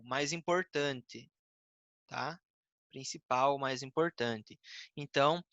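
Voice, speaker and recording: Brazilian male English teacher, bright tone, dry close sound, patient step-by-step explainer. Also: fairly high pitch, no room sound, muffled recording. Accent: Brazilian Portuguese. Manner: explains patiently, ends phrases with "tá?" and "né?", reads English examples slowly. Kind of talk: recorded grammar lesson.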